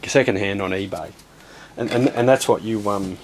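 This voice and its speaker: A man giving a casual, rambling walkthrough of his home studio gear, blunt and offhand, with many ums and restarts, his voice going hoarse. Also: fairly low pitch, normal speed, a little hiss or hum. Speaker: home studio tutorial host.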